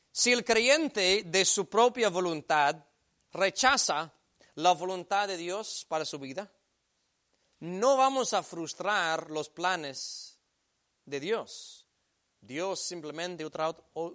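Male preacher, high and bright voice, emphatic sermon delivery with sudden loud pushes and soft asides. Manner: emphatic, swings from loud exhortation to quiet asides.

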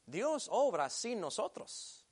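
A man preaching a sermon, reading scripture aloud and urging his listeners, swinging from loud exhortation to quiet asides. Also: sits high, big pitch swings, slow, slightly rough.

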